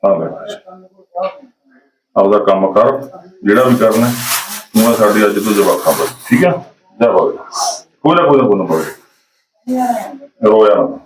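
A man's voice: lowish voice, big pitch swings, normal speed, pauses often, roomy sound, crowd noise, poor audio. A man playing a village headman in a short film, who keeps asking for agreement and argues back with his wife. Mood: reassuring. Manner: keeps asking "okay?", defensive when scolded. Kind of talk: amateur short film acting.

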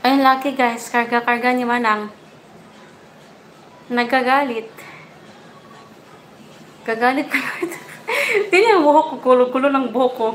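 A woman's voice: sits high, measured pace, long pauses, a little hiss or hum. A woman hosting a casual livestream, chatting with viewers and cooing baby talk at her puppy. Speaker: livestream host.

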